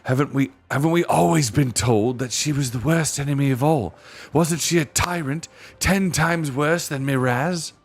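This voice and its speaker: A man voicing a bold, indignant young king in a storybook, with a forceful, commanding delivery. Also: medium pitch, a little slow, gravelly, few pauses, breathy edge, pitched above the performer's own voice.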